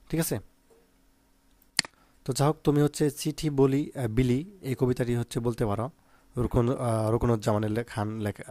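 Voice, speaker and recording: A man teaching students in a plain, dry recording, walking them through exam answers. He keeps checking in with them and fills his pauses with "uh" sounds. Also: medium pitch, darkish tone, dry recording. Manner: asks "ঠিক আছে?" often, with many "আহ" fillers. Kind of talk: exam prep lesson.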